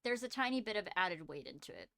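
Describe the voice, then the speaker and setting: Woman, game master, tabletop narration, animated, conversational, very dry close sound. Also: medium pitch, fast, gravelly, clear, resonant tone, no room sound.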